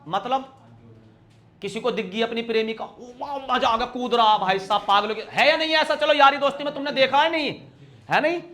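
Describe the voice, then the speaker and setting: A young man teaching a grammar lesson with a lively, teasing manner, asking his students questions and answering them himself, acting out small everyday scenes as he explains. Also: very high voice. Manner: acts out little everyday scenes in quick shifts of voice. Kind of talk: exam-prep grammar lesson.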